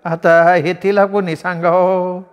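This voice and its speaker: A man voicing a calm old village mother. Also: high voice, takes it slowly, clean tone, big-room sound, voice pushed up. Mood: advising. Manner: gentle advising tone.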